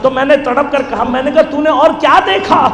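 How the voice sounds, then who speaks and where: In an echoey hall with faint noise in the background, a man preaches a Shia majlis sermon, narrating a story before rising to wailing, impassioned appeals. His voice is very high and fairly bright, with fairly even intonation.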